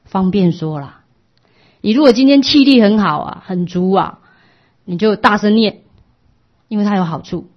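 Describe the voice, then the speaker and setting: A woman's voice: mid-range voice, moderate pace, pauses often. A woman giving a Buddhist dharma talk, explaining patiently and asking rhetorical questions. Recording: dull lo-fi recording.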